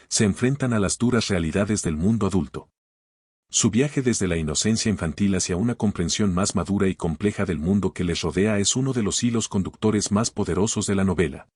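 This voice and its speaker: A man hosting a podcast, reading scripted literary commentary in a measured, formal way and posing rhetorical questions. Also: lowish voice, darkish tone, breathy edge, no echo, clean studio sound. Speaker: podcast host.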